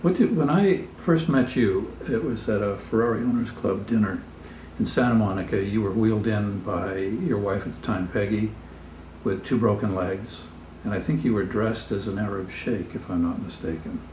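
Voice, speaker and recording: A man's voice: lowish voice, moderate pace, darkish tone, a little hiss or hum. A man interviewing a friend, asking short questions and chiming in casually. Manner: brief prompts and easy laughter. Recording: roomy and distant from the mic.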